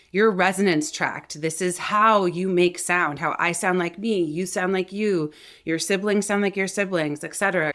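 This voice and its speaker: A woman with a lowish, fairly bright voice works as a voice coach and host. She gives instructional explanations to viewers in an articulate, conversational way.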